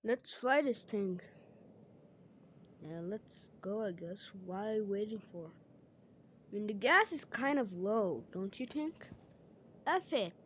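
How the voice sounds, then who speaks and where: A woman improvising comedic game role-play, playful and prone to loud screams. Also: medium pitch, expressive, slow, long pauses, slight background noise. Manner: playful, screams loudly at mishaps. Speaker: gameplay narrator.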